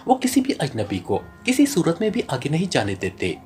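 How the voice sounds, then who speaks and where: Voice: medium pitch, wildly swooping pitch, normal speed, darkish tone, soft background music. A narrator voicing a male criminal boss who gives long, earnest explanations in an audiobook. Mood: explaining. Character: ruthless male criminal boss turned informant. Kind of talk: audiobook character reading.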